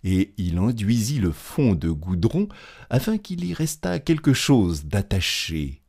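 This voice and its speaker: A man reading a fairy tale aloud, measured and animated. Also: fairly low pitch, vocal fry, husky. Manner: slow, measured, animated storytelling. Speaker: narrator.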